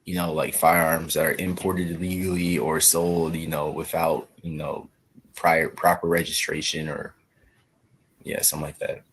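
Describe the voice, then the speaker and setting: A man interviewing over a video call with a bad internet connection, halting and filling pauses with "you know". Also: a bass voice, level tone, vocal fry, fairly bright tone, husky. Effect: choppy bad internet connection. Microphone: computer or phone on a video call. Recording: distant, choppy internet call audio.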